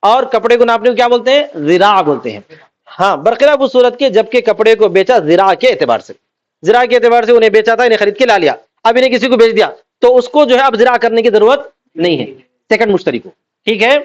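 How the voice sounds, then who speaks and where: A man's voice: extremely high pitch, animated. A man teaching Islamic law, reading out Arabic text and then explaining it by asking and answering his own questions. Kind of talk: classroom lecture. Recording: dull lo-fi recording.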